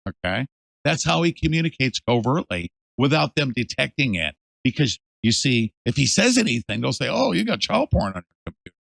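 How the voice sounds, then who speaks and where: A male host in a casual interview, emphatic and animated, swinging from loud to hushed. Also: mid-range voice, gravelly, no room sound.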